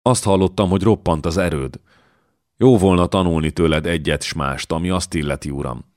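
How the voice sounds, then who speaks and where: A man's voice: deep voice, darkish tone, no echo, studio quality, close to an everyday voice. A man voicing an eager, humble young male monk in a storybook reading, deferential toward his companion.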